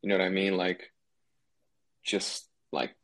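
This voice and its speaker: On a casual podcast where he's a guest, a young New Hampshire rapper keeps things laid-back, filling his speech with "like" and "you know what I mean." His voice sits low and steady, a bit bright, and moves a little slowly.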